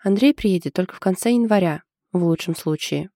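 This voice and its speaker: An anxious young woman in love, confiding her trouble in a hesitant way, as a woman reads her part. The voice is mellow and dark. It sounds dry and close. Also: lowish voice, brisk, no echo. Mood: uneasy.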